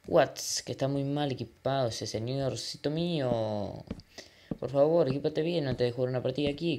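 Man, gaming channel host, casual gameplay commentary, excitable, mumbles then bursts out loud, swears, english exclamations, mid pitch. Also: slight background noise.

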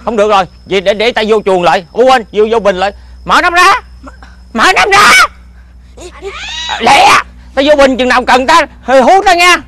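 A man with a Southern Vietnamese accent playing a boisterous male bottle genie who craves booze, talking loudly and laughing heartily. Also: very high voice, quick pace, hardly any pauses. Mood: flustered. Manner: loud, blustery, laughs heartily. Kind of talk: comedy sketch acting.

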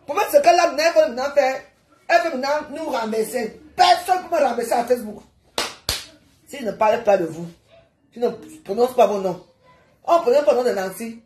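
A woman, hosting a heated live stream and scolding her viewers with rapid rhetorical questions. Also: high voice, lively intonation, darkish tone, reverberant.

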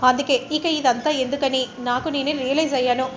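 A woman's voice: high voice, steady tone, fairly quick, dull audio, slight background noise, lightly acted. A woman voicing a clever young wife who speaks politely but coolly mocks her rival. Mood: meek. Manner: polite on the surface, coolly mocking.

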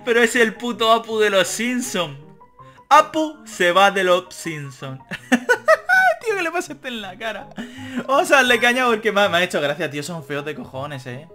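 High, bright young man gaming. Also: big pitch swings, moderate pace. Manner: joking, swears casually, reads game text aloud. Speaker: gaming YouTuber. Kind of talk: let's play commentary. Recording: faint game music behind.

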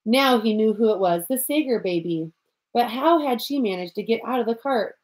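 A woman narrating a storybook in a measured, expressive amateur reading. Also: fairly high pitch, low-quality recording. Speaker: audiobook reader.

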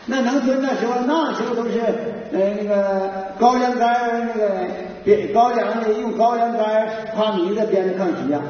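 A man's voice: very high voice, steady tone, normal speed, hardly any pauses. An older man from Northeast China with a Northeastern Mandarin accent, giving a folksy storytelling lecture and acting out the dialogue. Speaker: folk moral lecturer. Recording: echoey hall, distant dull lo-fi mic.

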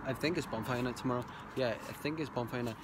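A man's voice: mid-range voice, quick pace. Young Welsh Valleys man, noisy phone recording. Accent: south Wales Valleys. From Caerphilly, south Wales. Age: young adult. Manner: slangy, with "bruv" and "like". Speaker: vlogger. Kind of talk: casual rambling vlog chat. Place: mostly outdoors on a street at night. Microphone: phone at arm's length. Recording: noisy handheld phone, traffic ambience.

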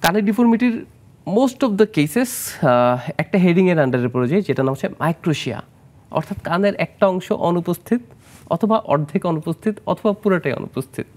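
A male Bangladeshi plastic surgeon with a high, slightly mellow voice and lively intonation speaks at a moderate pace in a studio health interview. He explains treatments using English medical terms and asks the host questions along the way.

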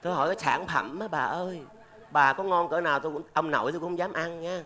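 A man's voice: a little high, fast talker, sharp tone. A man playing a teasing, troublesome café customer in a comedy sketch. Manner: cheeky, teasing, with joking outbursts.

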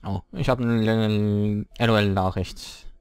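A young man commentating a horror game he is playing, scared and swearing, his voice jumping up high when frightened. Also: steady tone, slow pace, a little mellow, clean tone, no room sound, faint music behind. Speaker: let's play gamer.

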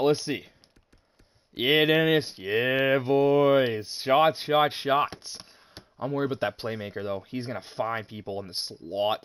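A young man casually commenting on his own hockey video game, excitable, swearing and talking to viewers as "boys". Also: medium pitch, slight background noise. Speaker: gaming YouTuber.

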